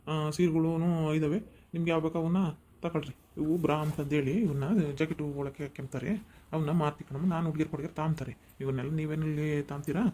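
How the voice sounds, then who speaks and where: Old peddler, voiced by a man, fast, flat, fairly high-pitched, cartoon. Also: a little hiss or hum, natural voice. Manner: joking, pleading, quick. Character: joking old male cloth peddler. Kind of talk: cartoon voice acting.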